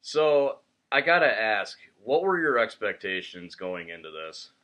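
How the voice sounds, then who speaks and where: A man in a relaxed, chatty mood hosts a movie review, his voice sitting a little low. He talks into a laptop microphone and laughs easily between his points. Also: unhurried. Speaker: host of a movie review channel. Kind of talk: casual movie review chat.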